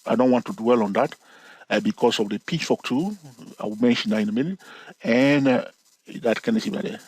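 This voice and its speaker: This husky trading teacher talks fairly quickly with a darkish tone; the low-quality recording has no echo. During his casual screen-share chart lesson he addresses viewers head-on, checking "okay?" and "all right?" often, with a playful, teasing manner and sudden upward pitch leaps for emphasis.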